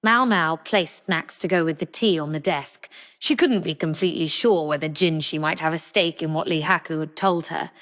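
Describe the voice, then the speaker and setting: A woman reading a novel aloud as an audiobook narrator, measured and even. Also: lowish voice, long reverb tail.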